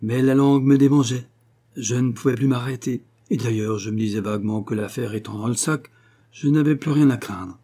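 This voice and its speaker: Man, audiobook narrator, warm mellow voice, measured, scripted narration. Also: on the low side, breathy edge. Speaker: audiobook reader.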